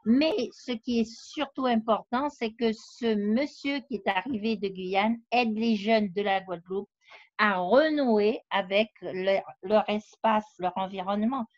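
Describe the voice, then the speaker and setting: A woman researcher and novelist speaks at a medium pitch and a measured pace in a conversational interview, explaining her ideas at length with frequent hesitations. The recording is dry, dull and lo-fi.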